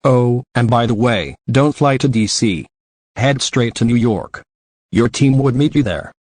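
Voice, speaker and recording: A man reading the part of a gruff, commanding male spy chief in a storybook reading. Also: mid-range voice, unhurried, darkish tone, no room sound, studio quality, natural voice. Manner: gruff, teasing.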